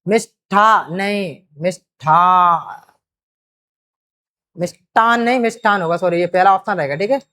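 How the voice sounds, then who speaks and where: A woman's voice: mid-range voice, brisk, hardly any pauses. A woman teaching a grammar exam-prep lesson, addressing students fondly and drawing out repeated words as she works through each question.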